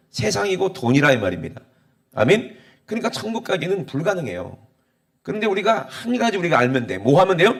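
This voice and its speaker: A male pastor preaching a sermon, drawing the congregation in with repeated "Amen?" and moving between hushed, low passages and loud, emphatic exhortation. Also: vocal fry. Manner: preaching with frequent call-and-response "Amen?" questions to the congregation.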